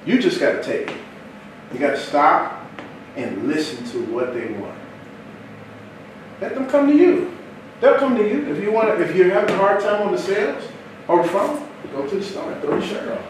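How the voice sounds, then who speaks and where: A man giving an animated, repetitive motivational sales talk to a seminar audience. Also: on the high side, normal speed. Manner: animated, repetitive, preacher-like rhythm. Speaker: seminar speaker. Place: event hall with live audience. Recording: echoey hall, far from mic, noisy room.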